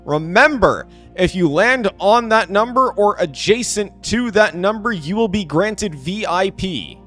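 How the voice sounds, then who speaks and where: Male streamer, animated and chatty, highish voice with a very lively pitch, light music under him. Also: measured pace. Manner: animated, laughs often, talks to chat viewers. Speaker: streamer playing a game. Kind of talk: casual live-stream chat.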